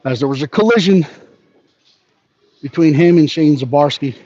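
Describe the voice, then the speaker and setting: A man giving brisk live hockey play-by-play, narrating each pass and leaning toward the home team. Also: fairly high pitch, mellow. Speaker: play-by-play announcer. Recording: dull lo-fi audio with faint background noise.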